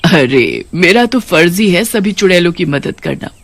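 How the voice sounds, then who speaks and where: A calm, commanding queen of witches in a cartoon story, as a woman reader voices her. She speaks evenly in a slightly lower register. The recording is dry and close. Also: unhurried, no room sound. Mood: regal. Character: kindly witch queen granting boons.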